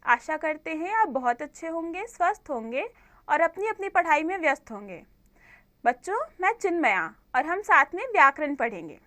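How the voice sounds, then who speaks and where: Very high-voiced woman teaching children. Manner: addresses the children warmly, slows down to read example sentences. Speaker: Hindi grammar teacher. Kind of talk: children's grammar lesson.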